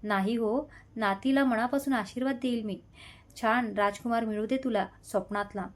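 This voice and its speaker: A woman's voice: on the high side, steady tone, moderate pace, natural voice. A woman voicing a kind old grandmother. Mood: affectionate. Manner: warm, blessing, calls others "child". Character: kind elderly grandmother, affectionate and grateful.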